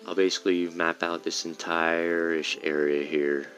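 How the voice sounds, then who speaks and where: A man's voice: low-pitched, little pitch movement, normal speed, a bit bright. A man giving casual, rambling commentary while playing a game, often correcting himself mid-sentence. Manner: rambling, self-correcting explanations. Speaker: gameplay streamer.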